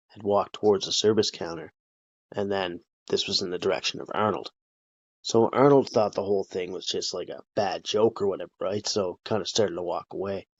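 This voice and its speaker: Low gravelly man telling a crime story. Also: a little mellow, no room sound, highs cut off. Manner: loose, profane, conversational with frequent "right?" and "like". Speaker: podcast host. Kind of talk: casual true-crime storytelling.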